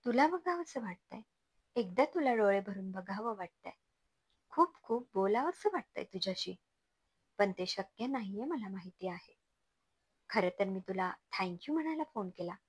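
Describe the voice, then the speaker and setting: Storybook part: woman voicing a heartbroken young man, quiet and breathy. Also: medium pitch, dry recording. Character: tearful, lovesick young man on the phone.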